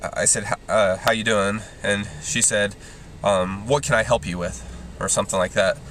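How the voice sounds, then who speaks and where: A man's voice: on the low side, steady tone, moderate pace, a bit bright. A man ranting casually to camera, rambling and exasperated, with frequent restarts. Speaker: vlogger. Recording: faint background noise.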